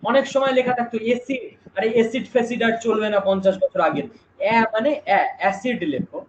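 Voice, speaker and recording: A man runs a live online lesson. He explains in a chatty, lively way and keeps putting questions to his students. The stream sounds dull and lo-fi, with steady noise behind him. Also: very high-pitched, fast. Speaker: online exam-prep teacher.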